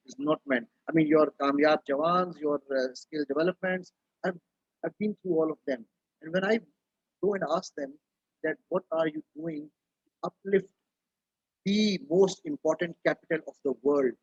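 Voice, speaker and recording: A man's voice: on the high side, breathy edge, no room sound, lo-fi sound. A middle-aged man from Pakistan, speaking as a webinar panelist in an earnest, emphatic way, full of rhetorical questions. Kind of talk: panel talk.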